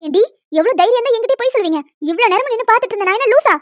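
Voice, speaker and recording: A woman voicing a strict female college lecturer in a cartoon, who scolds loudly. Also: expressive. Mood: scolding. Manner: loud scolding, high-pitched and fast. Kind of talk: cartoon voice acting. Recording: dull lo-fi dry sound.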